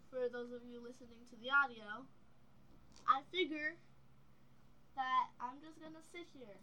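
A woman's voice: high voice, bright, forceful tone, low-quality recording. A young woman with speech slightly impeded by dental braces, rambling candidly in a casual podcast chat. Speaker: podcast co-host.

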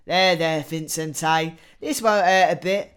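A sinister captor, played by a woman, coos in a patronizing, hushed tone that is meant to calm but unsettles. The voice sits lowish and unhurried. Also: clean tone. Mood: menacing soothing. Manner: patronizing soothing. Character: mock-soothing sinister male captor. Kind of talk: hobby audio drama.

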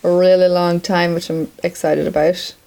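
A woman's voice: fairly low pitch, flat delivery, normal speed, vocal fry, dark tone. An Irish woman co-hosting a podcast, chatting casually in a colloquial way. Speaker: podcast co-host. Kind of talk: casual chat.

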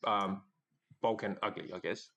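A man with an Australian accent hosting a podcast interview, talking in a relaxed, hesitant way with many fillers. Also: lowish voice, a little slow. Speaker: podcast host.

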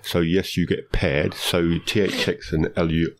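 Deep, gravelly male podcast co-host, halting delivery, faint background noise. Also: flat delivery. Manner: halting, many fillers and restarts. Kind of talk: casual film discussion.

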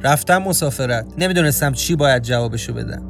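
A man's voice: medium pitch, lively intonation, gravelly. A man narrating a suspenseful first-person story in a tense, inward tone. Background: faint music.

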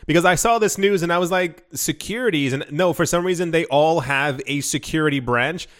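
A man with a slightly higher voice than most hosts a casual crypto news show. He reads each headline and then wanders into loose, rambling asides, stacking fillers as he thinks aloud. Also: a little fast, fairly bright tone.

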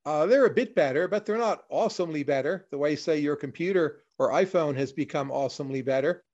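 A man, a guest in an interview, explaining his views in a measured way, in plain short lists. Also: fairly high pitch, a little mellow. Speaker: economist guest. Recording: dull lo-fi audio.

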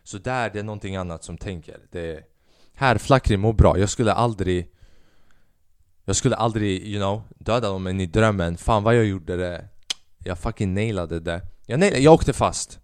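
Rambling low-voiced podcast host. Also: male voice, clear, resonant tone, dry recording, studio quality. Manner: rambling, restless, swearing often, mixing in English. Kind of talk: casual solo monologue.

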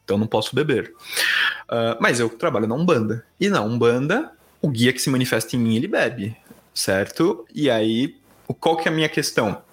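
A man's voice: medium pitch, animated, fairly quick, breathy edge. Reflective Paulistano man explaining patiently. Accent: Paulistano Brazilian Portuguese. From São Paulo, Brazil. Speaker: podcast guest. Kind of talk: conversational interview.

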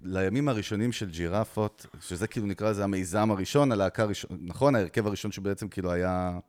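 A man's voice: fairly low pitch, a little mellow. A man hosting a casual podcast, asking long, loose questions full of fillers. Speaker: podcast host.

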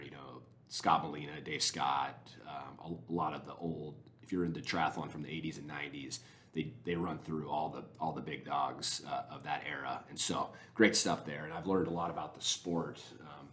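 A man with a very deep, low voice talks casually and at length on his podcast. He rambles with real enthusiasm, doubling back and restarting his sentences as he goes. The delivery is unscripted and conversational. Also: a bit bright. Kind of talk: casual spoken recommendations.

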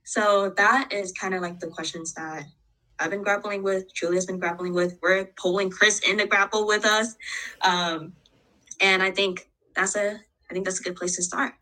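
A woman's voice: mid-range voice, fairly even intonation, moderate pace, bright, forceful tone, low-quality recording. A young woman co-hosting a podcast, talking in a rambling way with many fillers like "like" and "you know.". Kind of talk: conversational podcast discussion.

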